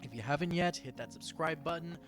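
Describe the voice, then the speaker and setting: A man's voice: fairly high pitch, fairly quick, over music. A man hosting an online tabletop game discussion and narrating as dungeon master in an upbeat, loose way.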